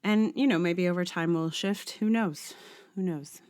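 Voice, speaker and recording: A lowish, darkish-toned female voice at a moderate pace belongs to a middle-aged solo podcast host. Her show moves from a scripted essay reading into casual rambling, with wry, self-questioning musing.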